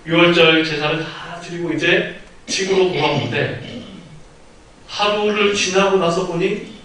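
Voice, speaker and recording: Male pastor, bright voice, dramatic storyteller, heavily echoing church hall heard from afar. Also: high voice, steady tone, a little slow, a little hiss or hum. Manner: storytelling preacher, acts out quoted speech with sudden loud outbursts. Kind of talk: sermon. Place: church sanctuary. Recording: very echoey hall, mic at a distance.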